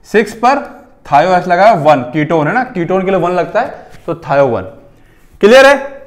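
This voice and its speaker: A young man with an Indian accent giving a pharmacy chemistry lecture, switching between Hindi and slowly read English lines and often checking in with his students. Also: high voice, animated. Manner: reads English lines slowly, explains in quick Hindi asides; counts atoms aloud, checks with "ठीक है ना".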